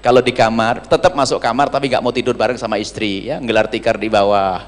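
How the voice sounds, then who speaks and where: A man preaching a sermon, humorous and animated, slipping into little acted asides. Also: medium pitch, quick pace, a little hiss or hum. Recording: long hall reverb.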